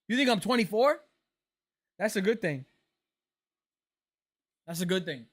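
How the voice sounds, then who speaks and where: While watching a ball game on his casual stream, the host, a man in his late twenties, answers viewers in an easygoing, chatty way and calls people "bro." His voice is high and his delivery a little slow.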